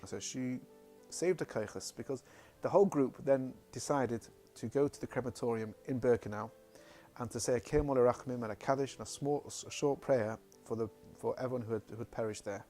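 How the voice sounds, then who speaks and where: Halting man telling a family story. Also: medium pitch, dark tone, soft background music. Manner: halting, repeats words often. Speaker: speaker recounting family history. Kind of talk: spoken personal testimony.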